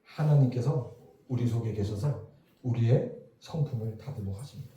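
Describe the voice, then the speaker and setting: A middle-aged man preaching a revival sermon as pastor, lively and asking the congregation questions. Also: mid-range voice, moderate pace, heavy reverb, recorded from a distance. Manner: lively, talks to the crowd with questions. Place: church hall.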